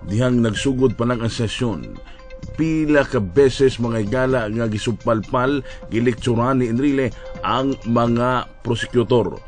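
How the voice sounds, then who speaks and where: A man's voice: mid-range voice, unhurried, faint music behind. A man with a Cebuano accent giving wry broadcast news commentary, often addressing listeners as friends.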